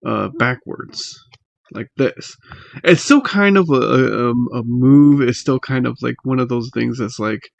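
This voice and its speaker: Guy doing a casual how-to on his laptop mic, kinda gravelly, stop and start, dull sound. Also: mid-range voice, no room sound. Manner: halting, hesitant, pausing mid-phrase. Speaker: magic tutorial host. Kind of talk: casual unscripted how-to explanation. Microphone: laptop built-in mic.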